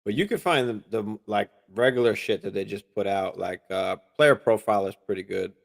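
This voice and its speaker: A man hosting a live fantasy football stream, answering viewer questions in a relaxed, casual way, swearing freely and using lots of fillers and restarts. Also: fairly low pitch, a little fast, vocal fry. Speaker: fantasy football show host.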